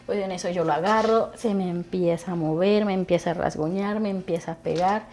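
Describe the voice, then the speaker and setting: A woman, a guest telling stories about her son in a casual conversation, acting out the dialogue as she goes. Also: lowish voice. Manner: fast animated storytelling, acting out dialogue.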